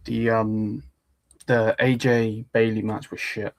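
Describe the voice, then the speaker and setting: A man with a low, very even voice reviews wrestling casually. He is blunt and dismissive, stopping often on ums. The sound is dry, with no room on it. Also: takes it slowly, no echo. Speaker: wrestling podcast panellist.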